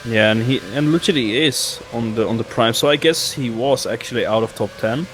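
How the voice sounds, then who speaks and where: A man's voice: mid-range voice, fairly quick, a bit bright, slight background noise. A man co-commentating live motorsport in a sim race, with short, reactive and somewhat tentative remarks.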